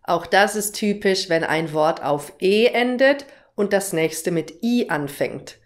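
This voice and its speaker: A woman's voice: mid-range voice, lively intonation. A young woman teaching German, explaining everyday phrases and their pronunciation with example sentences. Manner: slow, clear explanatory delivery with example phrases.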